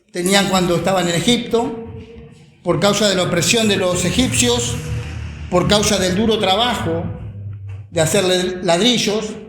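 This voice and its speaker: A man with a high voice delivers a sermon at an unhurried pace. He reads scripture deliberately and repeats words for emphasis. The echoey room adds reverb to every line. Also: fairly bright tone. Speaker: preacher. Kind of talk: sermon with Bible reading.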